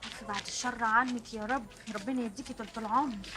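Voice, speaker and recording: A woman's voice: a little high, fairly even intonation, fast, lightly acted. An actress playing an obliging neighbor woman with an Egyptian accent, coaxing and gossipy. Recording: distant voice with street noise.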